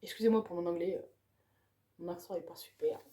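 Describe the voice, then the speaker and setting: With a fairly low, dark voice and a fairly quick pace, a woman enthusiastically talks through her reading pile. She's a chatty book vlogger who tacks "quoi" onto the ends of phrases.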